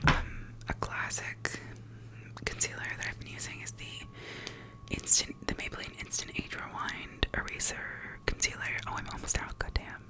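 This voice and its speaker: In her apartment, a young woman, an ASMR vlogger, whispers throughout a casual chat while trying out makeup, using "like" a lot and swearing now and then. She talks at a normal speed, and the recording is rough.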